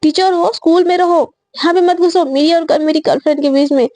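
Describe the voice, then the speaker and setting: A woman's voice: high voice, steady tone, moderate pace, dark tone, no room sound, lightly acted. A woman voicing a jealous, possessive young female student who talks fiercely and pleads when hurt. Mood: angry.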